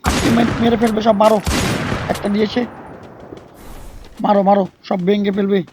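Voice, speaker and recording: A man giving excited commentary on a shooter game he is playing, shouting repeated commands and hyping himself up. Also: sits high, normal speed. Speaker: gamer streaming a shooter. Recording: gunfire and game noise behind voice.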